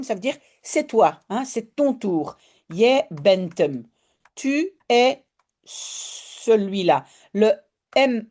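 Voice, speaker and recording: A woman with a Belgian French accent, teaching a reading lesson and explaining each line slowly, with many fillers. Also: mid-range voice, warm tone. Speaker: language teacher.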